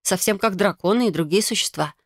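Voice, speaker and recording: A woman's voice: mid-range voice, fairly quick, dry recording, studio quality. Woman reading a fantasy audiobook. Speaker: audiobook narrator. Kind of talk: first-person fantasy audiobook narration.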